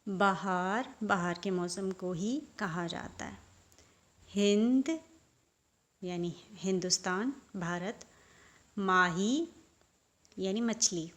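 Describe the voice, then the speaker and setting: Slow, careful woman language teacher. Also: mid-range voice. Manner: says each word, then explains it. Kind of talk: slow vocabulary lesson.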